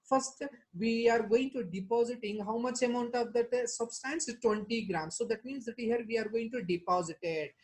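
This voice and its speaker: A woman's voice: medium pitch, darkish tone, poor audio. A woman with a South Indian accent from Telangana giving an online chemistry lecture, repeating herself and often asking rhetorical questions and adding verbal tags. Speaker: chemistry teacher. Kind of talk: online exam-prep lecture.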